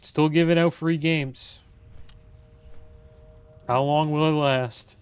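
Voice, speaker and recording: A man's voice: on the high side, steady tone, takes it slowly, clear, resonant tone. A man giving casual, informal let's play commentary as a gaming video host. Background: faint game music and sounds.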